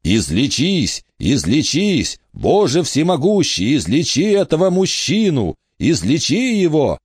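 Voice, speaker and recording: A man voicing a desperate young male preacher who shouts pleading commands as he tries to heal. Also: fairly high pitch, huge pitch swings, unhurried, slightly rough, no room sound, clean studio sound, voice pushed up, full character voice. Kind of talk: audiobook character voice.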